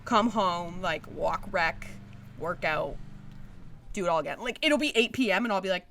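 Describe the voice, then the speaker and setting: A woman's voice: lowish voice, expressive, moderate pace, gravelly, fairly bright tone. Young woman co-host, casual and chatty, recorded outdoors with faint noise. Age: 20s. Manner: chatty, imitates people in her stories. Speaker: podcast co-host. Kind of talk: casual chat. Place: outdoors at a cookout.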